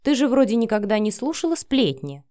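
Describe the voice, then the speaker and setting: A woman's voice: fairly high pitch, big pitch swings, a little fast, warm tone. A woman reading an audiobook, voicing a mocking, teasing grown man and father. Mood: sharp. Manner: smirking, teasing. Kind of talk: audiobook character voice.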